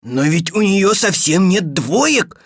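A kindhearted crocodile, as a woman puts him on, husky and set a little back from the mic. He speaks slowly, with lively rises and falls, exclaiming his points. The recording is dry. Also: on the low side, no echo. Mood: surprised. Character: kindly crocodile, male, grown-up and warm-hearted.

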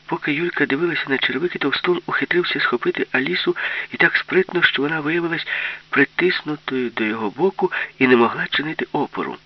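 A man reading a children's story aloud as narrator, lively and expressive. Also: a little high, fast. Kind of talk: storybook reading, radio play. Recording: dull lo-fi radio recording.

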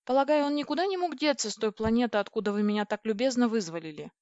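A woman reading the part of a giant male alien who speaks softly and formally, in a dull, dry audiobook recording. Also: fairly high pitch, fast, no room sound, natural voice. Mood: gentle, courteous. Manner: soft, polite, formal.

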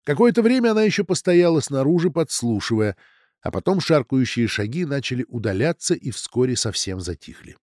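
Man narrating an audiobook, lively swooping pitch, dry close recording, expressive reading. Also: fairly quick, no room sound. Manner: expressive, voices the girls' lines in a raised pitch. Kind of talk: scripted narration.

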